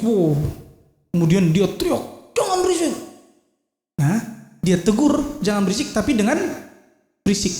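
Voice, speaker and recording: A man teaching a religious study lecture in a mosque hall. He talks in a lively way and acts out parents scolding their children. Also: sits high. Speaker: Islamic teacher. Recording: echoey hall.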